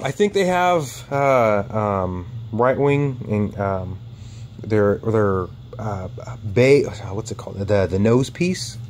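A man with a fairly low, slightly mellow voice talks through his flying wing RC kit, picking up parts as he goes. It's a casual, meandering walkaround with lots of ums, and a bit of hiss or hum is audible.

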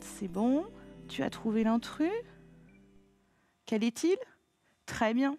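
A woman teaching a phonics lesson to children, patient and encouraging, spelling out sounds slowly. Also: a little high, lively intonation, creaky, warm tone, faint music behind.

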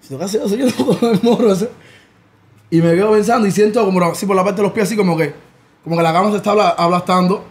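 A young Cuban man with a Cuban accent, telling stories in a casual chat. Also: high voice. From Cuba. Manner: animated, rapid storytelling. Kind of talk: casual storytelling.

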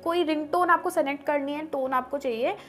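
A woman's voice: high-pitched, fairly quick, a bit bright, soft background music. A young woman hosting a tech video, walking viewers through phone settings step by step in a friendly tone.

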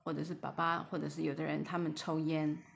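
A woman teaching English vocabulary, spelling out letters and repeating each word slowly, with soft whispered asides. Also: deep voice, little pitch movement, vocal fry, slight background noise. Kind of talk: phonics lesson.

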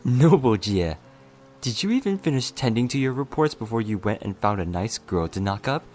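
A man's voice: mid-range voice, very animated, normal speed, darkish tone, soft background music, pitched above the performer's own voice, close to an everyday voice. A man voicing a mocking, chortling male official in a storybook reading. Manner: teasing, mocking.

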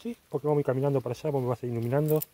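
A man's voice: medium pitch, steady tone, racing, dark tone. A middle-aged man with an Argentine accent, chatting casually as he hosts an outdoor night exploration vlog.

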